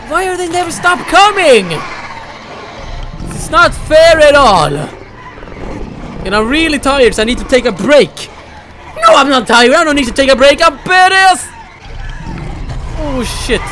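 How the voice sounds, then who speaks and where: A man giving excitable, exclamatory gameplay commentary with frequent swearing as he plays. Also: very high voice. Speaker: let's play gamer. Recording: loud game music and sound behind the voice. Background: video game music and effects.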